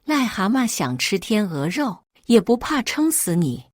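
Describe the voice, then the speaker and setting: A woman's voice: medium pitch, big pitch swings, unhurried, no echo, clean studio sound, voice pushed up. A woman voicing an arrogant middle-aged father who belittles his daughter's groom with contempt. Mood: contemptuous. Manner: contemptuous, bullying.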